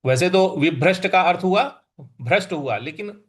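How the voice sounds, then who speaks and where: A man teaching a Sanskrit verse as a lesson, repeating each word slowly and stressing its syllables, then chanting the full lines in a sing-song. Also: high voice, lively intonation, husky. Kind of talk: slow drilled Sanskrit recitation lesson.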